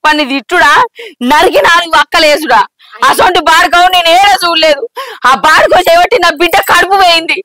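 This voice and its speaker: A woman's voice: high voice, fairly even intonation, fairly quick, gravelly, a crowd in the background, low-quality recording. A woman playing a wailing village mother with a Telangana accent. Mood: tearful cursing. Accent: Telangana Telugu. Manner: sobbing, lamenting, heaping curses. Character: grieving village mother, middle-aged woman, wailing and cursing. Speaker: actor in a village skit. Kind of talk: village drama acting.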